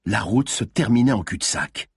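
A man's voice: on the low side, moderate pace, slightly rough, no room sound, studio quality. A man reading a thriller audiobook aloud with tense, dramatic narration.

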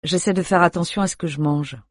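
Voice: medium pitch, fast, no room sound, studio quality, lightly acted. A reader doing a grumpy, sardonic doctor. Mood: dry. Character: grumpy man, a dry-humoured doctor.

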